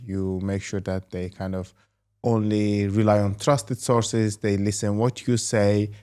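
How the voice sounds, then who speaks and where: With a lowish, slightly mellow voice, a man who is both a company executive and the interview's host asks long, rambling questions. They are packed with "you know" and "like."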